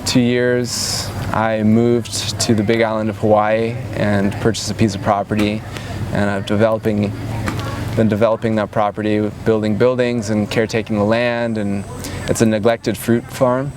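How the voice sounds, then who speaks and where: A low, flat-toned man in his twenties muses in a slow, halting interview, pausing and restarting often. He sounds reflective and unhurried. Traffic and outdoor noise come through clearly behind him. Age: 20s. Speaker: retreat organizer. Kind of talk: personal interview monologue. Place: outdoors at a large gathering.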